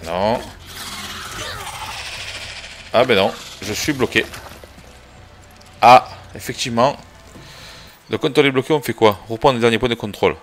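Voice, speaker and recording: A man's voice: medium pitch, normal speed, pauses often, a bit bright, slight background noise. A man streaming a video game live, chatting casually, swearing now and then and greeting viewers as he plays. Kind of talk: casual live gameplay commentary.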